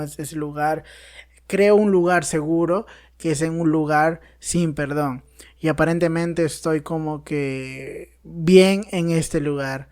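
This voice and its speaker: A man with a Peruvian Spanish accent hosting a podcast, asking reflective questions with hesitant restarts. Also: on the high side. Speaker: podcast host. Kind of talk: casual interview chat.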